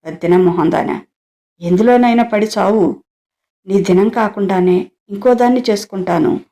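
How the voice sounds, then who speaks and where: Brief: woman narrator doing a cruel scolding husband in an audio story, warm dark tone, barely acted. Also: medium pitch, moderate pace, close to an everyday voice. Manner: harsh scolding. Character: abusive domineering husband, middle-aged man.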